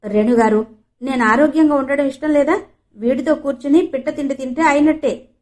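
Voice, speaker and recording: A cheeky, easygoing young village man, full of banter, read by a woman narrator. His voice sits a touch high for a man. It comes from a storybook audiobook. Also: fairly quick, a little mellow, close to an everyday voice. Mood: teasing.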